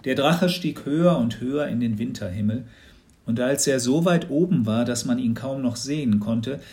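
A man reading a children's storybook aloud in a lively, expressive manner. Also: medium pitch, moderate pace. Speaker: narrator.

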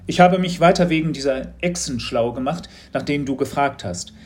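Audiobook role: male narrator doing a knowing, insinuating teacher, higher and louder than his narration. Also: fairly quick, lightly acted. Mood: probing. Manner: insinuating, leading questions. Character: mysterious probing male teacher, knowing and sly. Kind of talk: audiobook storytelling.

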